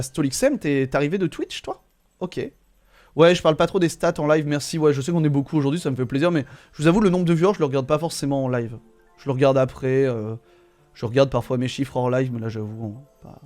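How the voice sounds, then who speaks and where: Male streamer, slightly raised pitch, relaxed and profane, reading chat live. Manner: relaxed, swears, laughs often, talks to chat.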